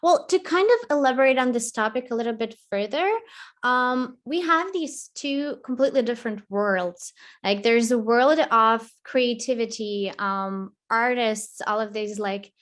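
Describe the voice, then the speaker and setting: A woman's voice: a little high, unhurried, a bit bright. A young woman interviewing a guest, upbeat and casual, with many fillers like "um" and "like". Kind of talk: casual interview, video call.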